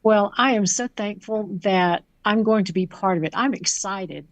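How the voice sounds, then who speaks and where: A woman's voice: medium pitch, normal speed, dry recording. Sincere woman speaker, dry sound. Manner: sincere, reflective. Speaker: conference speaker. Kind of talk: casual chat.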